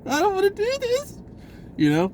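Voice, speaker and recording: This vlogger's voice is very high with a darkish tone and huge swings in pitch, moving at normal speed. He relates a personal story in a loose, slangy, rambling style, performing bits of dialogue, over a little hiss or hum.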